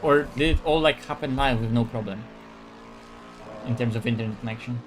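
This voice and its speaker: Over a very noisy recording, a man with a medium-pitched voice streams a sim race. In casual team voice chat he jokes with teammates and makes quick spotter calls about hazards.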